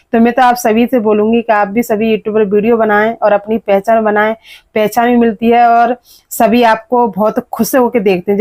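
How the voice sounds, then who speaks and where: A woman's voice: fairly high pitch, darkish tone, no echo. A woman vlogger talking casually to her viewers while walking outdoors, filming on a handheld phone. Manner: chatty, talks straight to viewers. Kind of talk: casual vlog narration. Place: outdoors on the street and at a temple. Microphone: phone held while walking.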